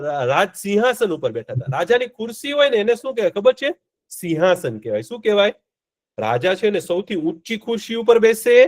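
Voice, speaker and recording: A man telling a story to children in a live class, with a lively storytelling voice that rises and falls as he stops to ask the children questions. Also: high-pitched. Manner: asks the children questions often.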